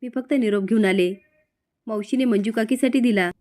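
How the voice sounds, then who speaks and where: Firm young woman, fed up but steady, read by a woman with a fairly high voice. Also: a little fast, natural voice. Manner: exasperated, firm.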